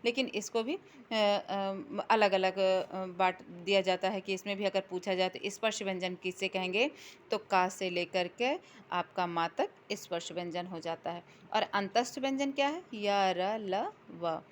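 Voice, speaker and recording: A medium-pitched woman explains a lesson to students, with a bit of hiss or hum audible. When she reaches the letter examples she draws them out slowly, and she keeps asking questions and supplying the answers herself.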